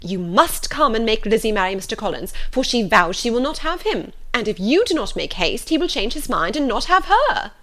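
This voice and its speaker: A flustered middle-aged mother from a storybook, acted by a woman narrator. She speaks urgently and insistently, high in pitch, with big exclamatory swoops. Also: very animated, normal speed. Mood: agitated, urgent. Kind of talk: audiobook character voice.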